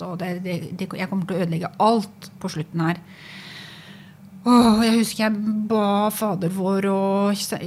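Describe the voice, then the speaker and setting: A woman's voice: lowish voice, a little mellow, slight background noise. A woman with a Norwegian accent, a guest on a podcast, recalling her sled dog races in a reflective, casual way. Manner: reflective, recalls memories with pauses and fillers. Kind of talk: casual conversation.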